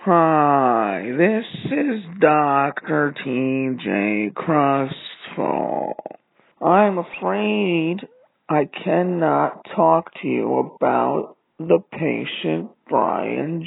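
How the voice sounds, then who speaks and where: A man acting an evasive, oddball hospital doctor with a croaky voice, leaving a voicemail in an audio drama. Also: a little high, no echo, full character voice. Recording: tinny phone-like voicemail.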